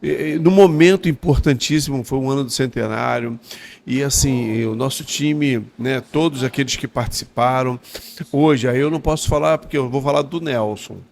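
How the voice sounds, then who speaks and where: A man, a former footballer talking as a guest in a restaurant, heartfelt with halting restarts. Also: medium pitch, vocal fry, a little mellow. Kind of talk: emotional storytelling interview.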